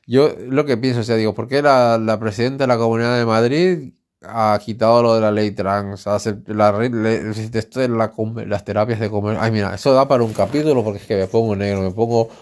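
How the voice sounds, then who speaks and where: Brisk and fairly even in intonation, this lowish, slightly mellow male voice belongs to a Spanish-accented podcast host from Spain. Recording solo from his home, he talks casually, wandering from point to point and speaking his mind frankly.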